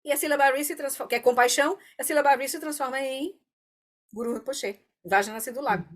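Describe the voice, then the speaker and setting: A woman teaching an online meditation class, explaining calmly and often checking in with her students. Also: sits high, fast talker. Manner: calm, explanatory, often asks "né?". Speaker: Dharma teacher.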